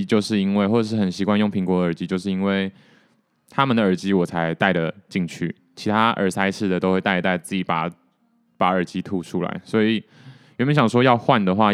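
A young man hosts a casual solo podcast, rambling and poking fun at himself. His voice sits very low and comes through smooth and resonant. The recording is dry and close, with no room sound. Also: dry recording. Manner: relaxed, rambling, self-deprecating. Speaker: podcast host.

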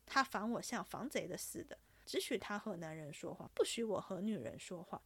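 A woman's voice: medium pitch, animated, moderate pace, fairly bright tone, breathy edge, dry recording. Woman doing a wheedling young nobleman. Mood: grumbling. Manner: coaxing, wheedling, then blustering.

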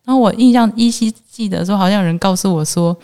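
Animated Buddhist nun telling a story. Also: female voice, mid-range voice, quick pace. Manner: emotional, animated retelling with laughs. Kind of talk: personal storytelling in an interview.

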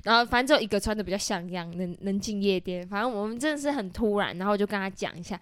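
A woman in her twenties with a Taiwanese Mandarin accent, telling a story in casual chat, animated and full of laughter. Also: mid-range voice, racing, smooth, dry recording, clean studio sound. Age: 20s. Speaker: podcast co-host.

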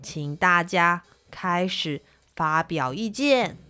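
A woman's voice: fairly low pitch, animated, pushed and bright, clean tone, heavily acted. Earnest little boy chairing a meeting, as a woman puts him on. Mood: formal. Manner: slow, formal announcing.

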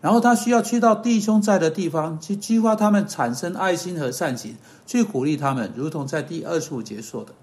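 A man giving an earnest sermon-style podcast teaching that closes in prayer, pausing on fillers and correcting himself as he goes. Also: on the high side, darkish tone. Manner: earnest, measured, with hesitant fillers and self-corrections.

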